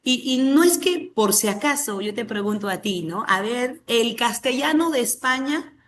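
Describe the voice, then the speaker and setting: A woman from Peru with a Peruvian Spanish accent teaches an exam-prep language class in a fairly high, lively voice at normal speed, with a little hiss or hum. She asks the class questions, answers them herself, and often adds a tag question.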